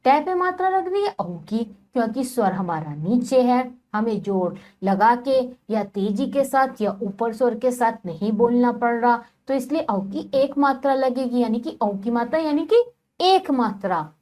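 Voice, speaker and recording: A woman giving a slow, patient phonics lesson to young children, spelling words out syllable by syllable. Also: on the high side, animated, darkish tone. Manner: repeatedly addresses the children. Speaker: teacher.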